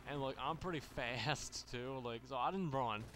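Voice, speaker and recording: Unhurried and medium-pitched, a gaming channel host spins a long, profane, meandering tale over gameplay, with plenty of restarts and fillers. Behind him are video game gunfire and the sound of a crowd.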